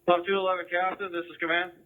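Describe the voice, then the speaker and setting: A man acting as fire incident commander, giving brisk, clipped orders heard through a two-way radio with static bursts. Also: high-pitched, flat delivery. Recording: narrow tinny radio scanner feed.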